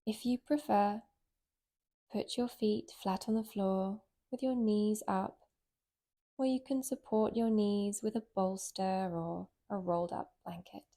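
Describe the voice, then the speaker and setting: Guiding a meditation as a yoga nidra teacher, a woman moves at a very slow pace. Her tone is warm, mellow and mid-pitched, soft and calming, with long, leisurely silences separating each phrase.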